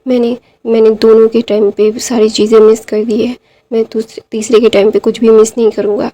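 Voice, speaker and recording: A woman's voice: on the high side, level tone, a little fast, dark tone, close to an everyday voice. A woman voicing a remorseful young father who stammers tearful pleas to his husband. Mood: pleading.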